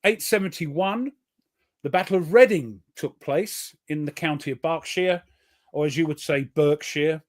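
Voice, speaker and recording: A man's voice: a little high, expressive, normal speed. A British man hosting a casual chat, joking and reading out history notes. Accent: British English. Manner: chatty, jokey, reads history facts aloud. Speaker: host.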